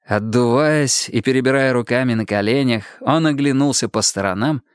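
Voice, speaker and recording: A man narrating a crime novel as an audiobook reader in an expressive way. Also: medium pitch, normal speed, clean tone, no echo, clean studio sound. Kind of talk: scripted narration.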